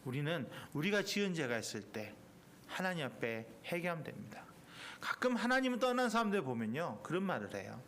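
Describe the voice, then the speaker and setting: A man's voice: a little high, sing-song, a little fast, slight background noise. Impassioned male pastor preaching. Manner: impassioned preaching with rising emphatic peaks and quiet drops. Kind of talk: sermon. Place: church sanctuary.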